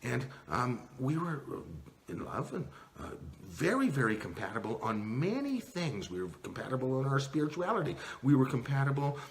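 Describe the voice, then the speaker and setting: A man's voice: mid-range voice, very animated, normal speed, slight background noise. Earnest man coaching on communication. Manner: earnest, conversational, with restarts. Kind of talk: talking-head teaching video.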